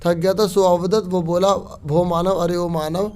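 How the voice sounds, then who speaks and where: Male teacher, fairly high voice, patient worksheet walkthrough; slow reading, casual explaining. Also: fairly even intonation, darkish tone. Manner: reads Sanskrit slowly then explains in quick casual Hindi, with frequent "theek hai". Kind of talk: explaining a Sanskrit worksheet to students.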